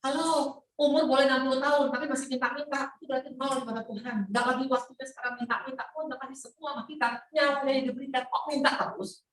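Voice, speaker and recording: A middle-aged woman preaching an animated, playful sermon to a women's Bible class, mixing in English words. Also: high-pitched, rapid-fire. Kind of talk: lively sermon. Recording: echoey hall, voice from a distance.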